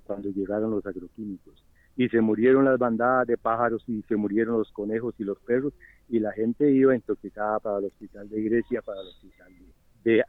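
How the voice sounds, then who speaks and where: A man's voice: on the low side, dry recording. A man with a Costa Rican Spanish accent, an organic farmer speaking as an interview guest, earnest and reflective. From Costa Rica. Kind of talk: phone interview. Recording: dry tinny phone line.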